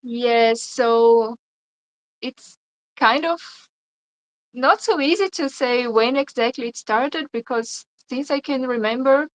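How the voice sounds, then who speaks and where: A woman from Brazil, a shamanic healer, talking reflectively on a call as an interview guest, pausing often with ums and likes. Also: a little high, poor audio. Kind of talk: casual interview over a call.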